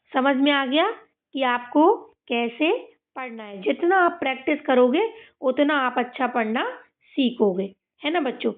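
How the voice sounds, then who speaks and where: A woman teaching children a phonics lesson, sounding out each word slowly and patiently, often checking whether they follow along. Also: sits high. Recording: tinny phone-like sound.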